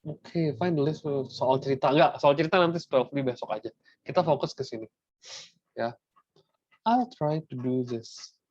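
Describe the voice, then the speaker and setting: A man's voice: medium pitch, lively intonation, moderate pace, darkish tone, no room sound. Young indonesian guy teaching maths, chatty, keeps asking right?, dry dull sound. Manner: casual, chatty, asks for confirmation often. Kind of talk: classroom lesson mixing Indonesian and English.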